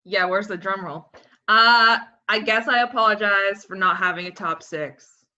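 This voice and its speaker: A woman co-hosting a casual chat show, her voice bright and forceful. She drops dry, teasing remarks, and the sound is dull and lo-fi. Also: mid-range voice, a little slow. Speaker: co-host.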